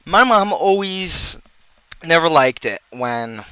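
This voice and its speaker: A man's voice: fairly high pitch, lively intonation, slow pace, pushed and bright, smooth, dry recording, low-quality recording. A man reading a list aloud and breaking off into sarcastic, rambling commentary. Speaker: video creator commenting on church.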